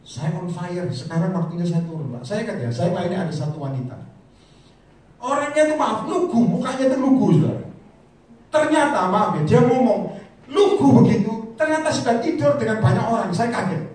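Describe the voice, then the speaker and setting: Man preaching, kinda high voice, shouts then drops low, big echoey hall, mic a bit far off. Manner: swings from shouting to low asides, addresses the congregation as "saudara". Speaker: evangelist preacher. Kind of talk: sermon. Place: large church hall. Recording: echoey hall, mic from a distance, faint hiss.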